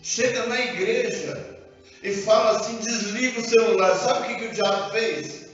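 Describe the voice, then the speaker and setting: A high-voiced male pastor with a Brazilian accent preaches with animation, acting out dialogue as he goes. He is recorded from a distance in a large, reverberant church hall. The sound is dull and muffled, with soft music underneath. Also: a little slow. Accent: Brazilian Portuguese. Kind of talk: sermon. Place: church sanctuary.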